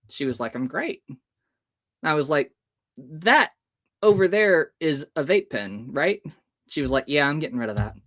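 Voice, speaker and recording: His voice runs on the high side and a bit bright. He's an American man in his early thirties, a podcast guest telling animated personal stories and acting out bits of dialogue with expression.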